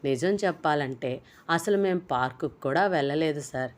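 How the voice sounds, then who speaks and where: Woman reading as a jittery young guy, pleading and hesitant, low voice. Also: normal speed, close to an everyday voice. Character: nervous young man, sly but apologetic.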